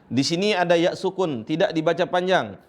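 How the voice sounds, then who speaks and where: A man with an Indonesian accent teaching Quran recitation rules, explaining each point and then chanting the verse slowly for students to repeat. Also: on the high side, animated. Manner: asks and answers his own questions, praising students. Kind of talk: tajwid lesson with recited examples.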